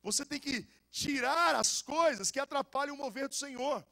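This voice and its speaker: A young adult man, a pastor with a Goiás accent, preaching a lively sermon full of jokes, stories and casual slang. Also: very high-pitched, moderate pace, vocal fry. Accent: Goiás Brazilian Portuguese. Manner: animated and joking, with casual slang.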